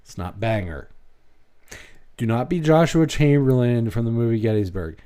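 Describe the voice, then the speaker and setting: A man's voice: medium pitch, animated, a little fast, mellow, clean tone. A man with a Maine accent giving blunt, rambling reaction commentary as host of his channel.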